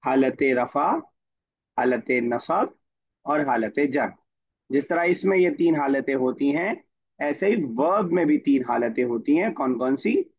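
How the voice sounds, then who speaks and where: A man's voice: mid-range voice, measured pace, dull audio. A man teaching an online Arabic grammar class, explaining patiently and quizzing his students by name.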